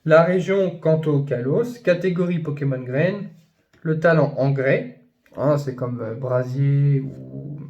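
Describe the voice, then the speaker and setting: A man chatting casually about his new purchases, rambling with many fillers and restarts, and gushing when excited. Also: medium pitch, reverberant, muffled recording. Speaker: YouTuber showing his purchases. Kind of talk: casual unboxing chat.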